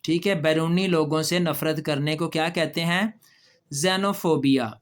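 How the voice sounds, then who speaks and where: A man teaching a pronunciation lesson, patiently repeating example words slowly for children and asking them questions. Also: on the high side, fairly even intonation. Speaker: English teacher. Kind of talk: classroom lesson explaining pronunciation.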